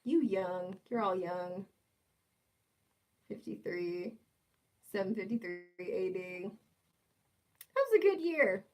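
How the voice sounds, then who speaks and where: Reading chat comments on her casual livestream, a twenty-something woman jokes around and teases her viewers, throwing in playful asides. She speaks slowly in a mid-range, expressive voice, leaving long pauses.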